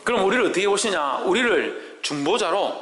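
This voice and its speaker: A man's voice: high-pitched, very animated, a little fast, fairly bright tone, roomy sound, long reverb tail. A man preaching a sermon as a pastor, quizzing his congregation and acting out God's words. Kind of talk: sermon with audience questions. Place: church sanctuary.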